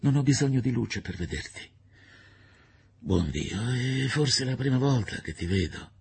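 A man reading an audiobook, voicing a sickly, passionate woman in love with a husky, gravelly voice and pleading, breathy delivery. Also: mid-range voice, lively intonation, unhurried, darkish tone, voice pushed up. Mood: tender.

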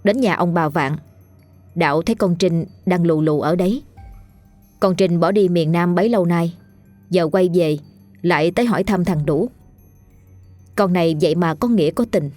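A woman narrating a ghost story audiobook in a steady, measured way. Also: on the low side, no room sound, soft background music. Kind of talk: scripted horror audiobook narration.

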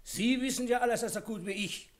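An actor playing a blunt, stubborn horse dealer who scolds insistently, in a 1960s radio play. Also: male voice, very high-pitched, brisk. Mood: reproachful. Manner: reproachful, insistent.

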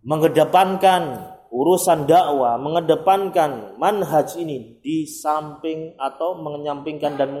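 A male Islamic preacher gives an emphatic religious study lecture, peppering it with Arabic phrases and acting out everyday conversations. His voice is medium-pitched and mellow, with reverb.

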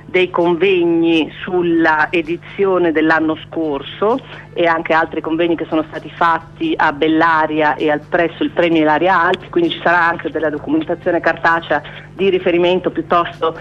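A woman's voice: low-pitched, level tone. Woman over a muffled phone line. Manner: halting, with hesitant fillers. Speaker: film director, phone-in guest. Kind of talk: casual radio interview by phone. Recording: dull lo-fi phone line, faint music.

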